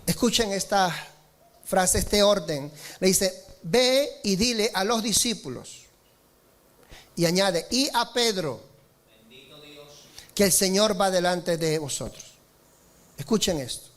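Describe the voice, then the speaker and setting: Male pastor mid-sermon, high pitch, emphatic, calls for amens. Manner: preaching with rises in pitch and slowed emphatic lines, asking the congregation for amen.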